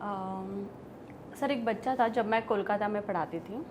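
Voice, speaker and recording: A woman's voice: medium pitch, unhurried, background noise. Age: adult. Sex: woman. Role: teacher telling classroom stories. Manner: mixes Hindi and English, laughs often. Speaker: zoology teacher. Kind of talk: conversational storytelling.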